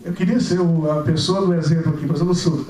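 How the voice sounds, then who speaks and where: Fast, high-voiced young man preaching. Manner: animated storytelling, acting out dialogue. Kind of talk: sermon with personal testimony. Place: church. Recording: echoey church hall, mic at a distance.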